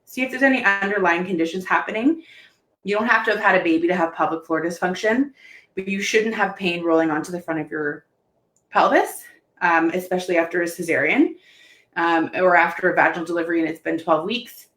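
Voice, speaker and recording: Casting: young woman, heavily pregnant and short of breath, mid-pitched voice, informal health educator on a live stream, echoey room. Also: fairly bright tone. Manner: explanatory, informal, checking in with "okay?". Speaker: pelvic health therapist teaching. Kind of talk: casual live-stream lesson. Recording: roomy, echoing sound.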